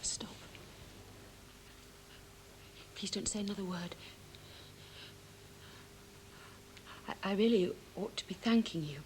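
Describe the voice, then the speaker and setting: A woman's voice: medium pitch, fast, noisy background, close to an everyday voice. An actress playing a bitter young woman in mourning, intense and scornful and at times dropping to a whisper, in a 1970s televised stage drama. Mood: intense, hushed.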